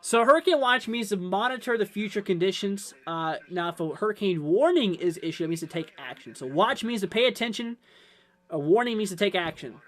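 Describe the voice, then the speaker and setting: A man's voice: high-pitched, lively intonation, a little fast, fairly bright tone. A man hosting a live severe weather stream, explaining things in a rambling, repetitive way as he answers his viewers. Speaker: weather livestream host. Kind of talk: live severe weather commentary, reading chat.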